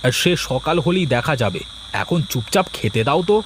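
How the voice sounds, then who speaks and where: A man's voice: fairly high pitch, big pitch swings, brisk, a bit bright, a little hiss or hum. Sly lazy village guy plotting under his breath, cartoon story, man voicing. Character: lazy, scheming young village husband. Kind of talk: cartoon voice acting.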